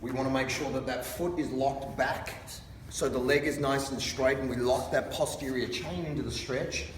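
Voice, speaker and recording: Male fitness coach, careful and unhurried, encouraging instructional delivery, recorded from a distance in a noisy, reverberant hall. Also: medium pitch, steady tone. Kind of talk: instructional exercise demonstration with coaching cues. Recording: distant mic, reverberant hall, background noise.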